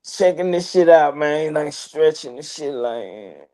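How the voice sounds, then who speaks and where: A man's voice: fairly high pitch, animated, slow pace, warm tone, low-quality recording. A man co-hosting a live fantasy football stream, laid-back and joking, swearing freely and talking through his picks. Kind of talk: casual live-stream banter.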